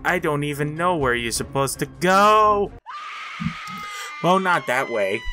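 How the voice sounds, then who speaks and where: A man giving casual gameplay commentary in an excitable, sweary, exasperated manner. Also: fairly high pitch, slow pace, raised voice, soft background music. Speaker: gamer commentator.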